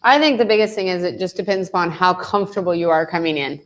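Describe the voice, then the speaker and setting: A woman's voice: on the low side, fast. A woman tennis coach explaining match strategy in a casual live panel chat, with lots of "um" and "like". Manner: explanatory, many fillers like um and like.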